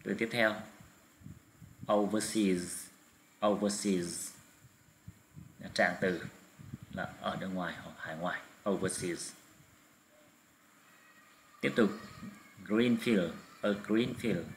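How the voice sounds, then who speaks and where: A male English teacher leading a slow vocabulary drill, saying each word twice for the pupils to repeat. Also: deep voice, rough recording. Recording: steady background noise.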